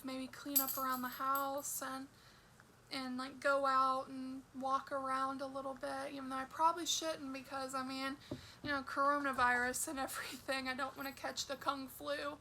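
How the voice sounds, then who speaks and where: A woman vlogger speaking personally and confessionally in a halting, downcast way. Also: sits high, level tone, pushed and bright, a little hiss or hum. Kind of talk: personal, confessional vlog talk.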